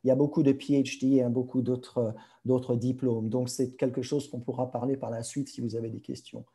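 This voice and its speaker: Presenting slides as a guest on a remote video conference, a man speaks hesitant French and drops in practised English terms as he searches for words. His delivery is flat and moderately paced, his voice medium-pitched and warm.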